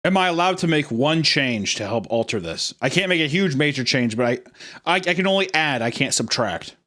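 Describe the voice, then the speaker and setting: A man co-hosting a podcast, chatting casually in an excitable, stammering, self-mocking way. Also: fairly high pitch, a little fast. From United States. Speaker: podcast co-host. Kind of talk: casual chat.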